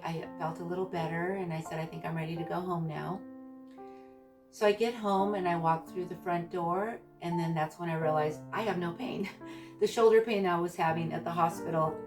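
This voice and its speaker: A woman vlogger casually recounting a personal experience in a halting, hesitant way, searching for her words. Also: fairly low pitch, steady tone. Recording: distant mic with background music.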